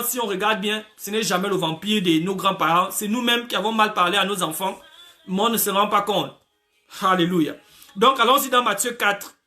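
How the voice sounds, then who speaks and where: A man's voice: high-pitched, pushed and bright. A man preaching a sermon as pastor, from Gabon, dropping frequent hallelujahs as he talks. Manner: preaching, peppered with frequent "alléluia" interjections. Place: church in the United States.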